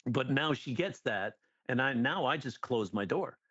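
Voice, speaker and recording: A middle-aged man, a guest comedy writer and teacher, in casual podcast chat, lively and acting out jokes as he explains them. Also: mid-range voice, normal speed, no room sound, lo-fi sound. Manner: animated, acts out jokes and quotes.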